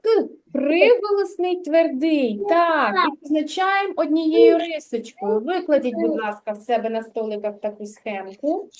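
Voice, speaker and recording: A woman kindergarten teacher giving a literacy lesson in a classroom, speaking slowly and articulating every sound while coaxing answers from the children. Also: sits high, lively intonation, a little mellow, rough recording. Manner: slow, carefully articulated, coaxing questions to children.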